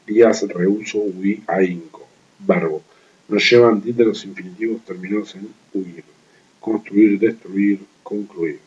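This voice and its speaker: Low, mellow man reading aloud. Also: lo-fi sound. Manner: reads steadily, restarting stumbled words, with brief offhand asides. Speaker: law study reader. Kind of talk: reading a legal writing manual aloud.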